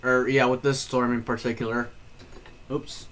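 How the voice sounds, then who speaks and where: Man, live storm stream, casual, rambling, lots of fillers, mid-pitched voice. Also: level tone, moderate pace, a bit bright. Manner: casual, rambling, frequent fillers and self-corrections. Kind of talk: live weather stream commentary.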